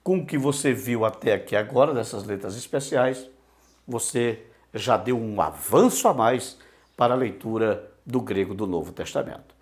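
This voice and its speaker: A man teaching an online lesson, asking himself questions and answering them, repeating words slowly so they can be drilled. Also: on the low side.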